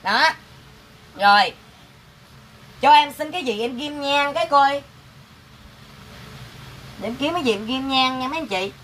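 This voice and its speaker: Vlogger, fed up and scolding, a bit high-pitched, faint background hum. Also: female voice, animated, a little slow, long pauses. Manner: exasperated, sharp-tongued, scolding. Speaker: vlogger selling goods online. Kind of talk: angry casual rant to viewers.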